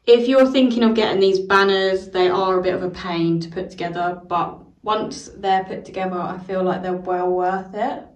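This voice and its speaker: A young woman from the United Kingdom, a home tour vlogger with a British accent, films on a handheld phone as she walks room to room through her small house. Her medium-pitched voice sounds roomy and distant from the mic, with fairly even intonation. She chats casually, adding apologetic asides and filling pauses with frequent "so" and "um."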